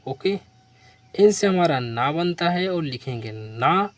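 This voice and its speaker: Teaching beginners slowly, a man whose voice is a little high and lively spells out words one letter at a time. He directs questions back at the learner and asks the viewer to repeat, keeping a slow pace throughout.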